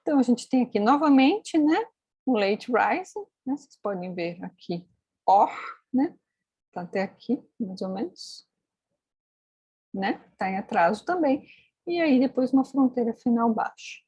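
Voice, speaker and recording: A woman walks students through an intonation tutorial. Her voice is slightly high and husky. It sounds dry and close, with almost no room sound, and she keeps checking in with little tag questions. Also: animated, unhurried, long pauses, darkish tone, no room sound, lo-fi sound. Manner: explanatory, frequent tag questions. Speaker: phonetics instructor. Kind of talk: screen-recorded tutorial.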